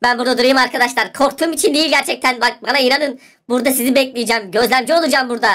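A woman's voice: high-pitched, very fast, fairly bright tone. A woman voicing an anxious, whiny boy who keeps protesting and wants to go home. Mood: worried.

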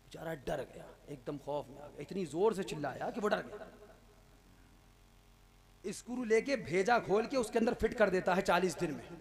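A man preacher delivering a sermon, emphatic and repetitive, often shouting and calling for responses. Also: sits high, animated, moderate pace, pauses often, slight background noise.

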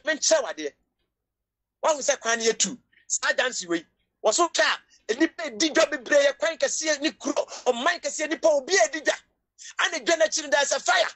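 A woman preaching a sermon with a Ghanaian accent, emotional, at times crying out and slipping English phrases into her preaching. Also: high voice. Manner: emotional, rising to cries and shouts, mixing English into Twi preaching.

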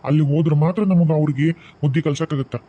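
A man's voice: a little high, steady tone, rapid-fire, dark tone, dull audio, close to an everyday voice. A man voicing a protective ghost father in a cartoon, reassuring in a North Karnataka Kannada accent. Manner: reassuring, firm.

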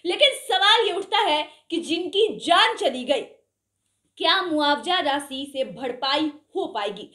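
A woman's voice: high voice, animated, slow pace, bright, forceful tone, echoey room. A young woman in her twenties presenting a news report to camera in a small studio, earnest and questioning. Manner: earnest, questioning, with open hand gestures. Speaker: news anchor.

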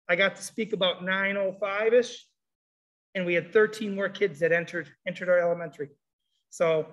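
A man with a high-pitched voice talks through a face mask, slightly muffled. He gives an informal welcome-session presentation to families as a school supervisor. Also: a bit bright. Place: indoor school room, standing before a presentation screen.

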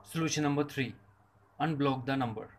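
A man with a mid-range voice briskly reads a scripted tech tutorial as its presenter, delivering step-by-step instructions in short, separated phrases.

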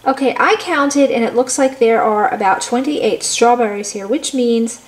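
A woman's voice: a little high, normal speed. A woman hosting a cooking video, walking viewers step by step through a simple recipe in a chatty way that calls them guys. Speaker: cooking channel host. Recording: echoey room with faint background noise.

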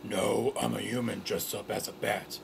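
A man voicing a gruff, boastful masked vigilante in a fan-made cartoon, blunt and brooding. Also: fairly low pitch, level tone, normal speed, background noise.

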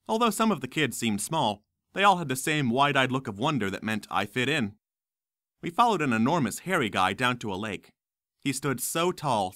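A man reading a first-person audiobook in a wry, lively storytelling manner. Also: mid-range voice, dry recording, studio quality. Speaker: audiobook narrator.

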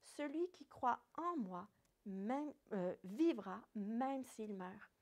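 A Sunday school teacher with a French accent retells a Bible story for children, livening it up with little acted quotes. Her voice is a little high, and she takes it slowly.

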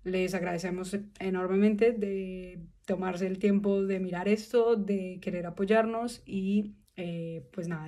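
A woman in her twenties with a Colombian Spanish accent, speaking to camera from a small room about her film project, earnest and thoughtful, with pauses and restarts. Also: mid-range voice, dark tone. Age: 20s. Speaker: film student pitching her short film. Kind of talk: direct-to-camera appeal. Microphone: phone camera at arm's length.

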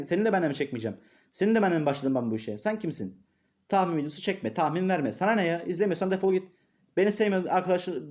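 A man's voice: a little high, darkish tone. A man who runs a horse racing tips channel, ranting in an agitated, repetitive, scolding way at critics among his viewers. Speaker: horse racing tipster YouTuber. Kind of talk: angry rant to viewers.

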